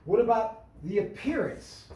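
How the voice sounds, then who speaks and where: A man giving an instructional talk to a small business group, animated and full of questions, acting out tones of voice. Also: high-pitched, unhurried, distant mic. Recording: echoey room, voice from off the mic.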